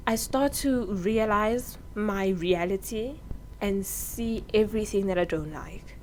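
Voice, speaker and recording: A woman's voice: medium pitch, slow pace, darkish tone, slight background noise, poor audio. A woman in her early twenties with a South African accent, talking candidly and earnestly in a sit-down advice vlog on her own microphone. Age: early 20s. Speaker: vlogger. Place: indoors, seated. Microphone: own microphone with popping.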